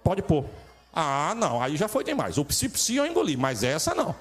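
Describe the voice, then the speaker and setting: A Brazilian man preaching a humorous sermon and rattling through his stories at speed. His slightly high voice leaps around in pitch as he acts out the people in them, keeping the delivery animated from line to line. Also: a little fast. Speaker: traveling pastor.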